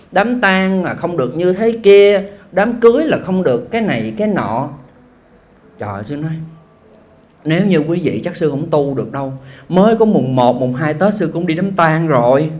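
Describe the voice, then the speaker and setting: Monk giving a talk, lively up and down voice, kinda highish, chatty folksy stories. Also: male voice. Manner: animated, folksy storytelling with exclamations. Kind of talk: sermon.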